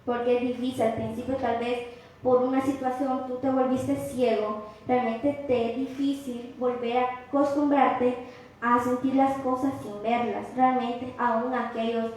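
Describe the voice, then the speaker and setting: A woman preaching a sermon in church, earnest and impassioned, with loud rising cries at times. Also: on the high side, level tone, a little slow. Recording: very echoey church hall, faint noise.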